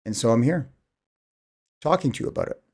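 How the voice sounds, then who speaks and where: A man's voice: mid-range voice, lively intonation, fairly quick, a little mellow, slightly rough. Man in his thirties, casual vlogger, rambling and candid, sighs often, mid-range voice. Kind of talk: casual monologue to camera.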